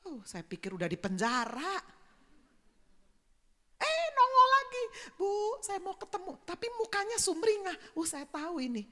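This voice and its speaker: A woman's voice: very high voice, sing-song, normal speed, hardly any pauses. A woman pastor preaching a sermon, telling a story bluntly and acting out the dialogue. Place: church sanctuary. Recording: long reverb of a church hall.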